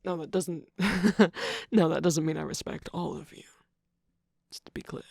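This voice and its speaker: A sly, manipulative male cookie trickster, voiced for an ASMR roleplay teases and needles in a breathy, gravelly hush. The delivery is slow and unhurried. The voice sits close and dry, with no room around it. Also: medium pitch, dry recording. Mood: teasing. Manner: teasing, sarcastic, soft whispering with sudden laughs.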